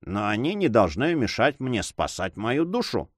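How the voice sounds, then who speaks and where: A man voicing a hypocritical old judge who talks in a drawling, flattering, prim way. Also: mid-range voice, normal speed, dry recording, clean studio sound. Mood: offended piety. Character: hypocritical old male judge, pious and fawning.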